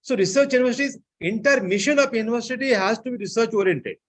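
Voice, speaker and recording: A man giving an online seminar lecture, often filling pauses with "I think, you know". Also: very high voice. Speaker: seminar speaker.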